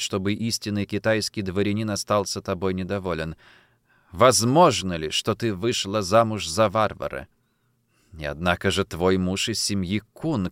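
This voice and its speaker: A man voicing a frail, stern elderly mother in an audiobook, speaking slowly and wearily, as if lecturing. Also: on the low side, fairly bright tone, no room sound, studio quality, natural voice.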